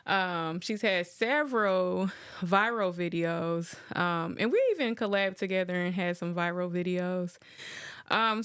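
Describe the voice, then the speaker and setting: A middle-aged woman hosting a casual podcast interview with her daughter, animated and teasing. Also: mid-range voice, clear, resonant tone, no echo, clean studio sound. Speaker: podcast host.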